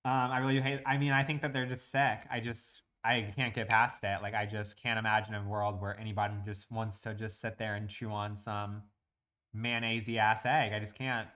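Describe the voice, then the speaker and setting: A man's voice: lowish voice, little pitch movement, moderate pace, sharp tone. A young man chatting casually while streaming a building game, ranting in crude, profane comic bits and reacting to chat.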